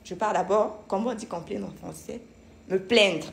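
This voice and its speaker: A young woman tells a story to her viewers from home, animated and indignant, and she often circles back and repeats herself. Her voice sits at a middling pitch for a woman. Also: a little fast, creaky. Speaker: vlogger. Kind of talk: casual storytelling vlog.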